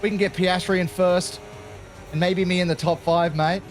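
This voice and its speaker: An Australian man commentating his own racing game run in a casual, joking way. His voice sits slightly high, and he keeps dropping in "mate". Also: fairly even intonation, moderate pace, faint music behind. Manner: chatty, jokey, peppered with "mate". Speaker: gaming channel host.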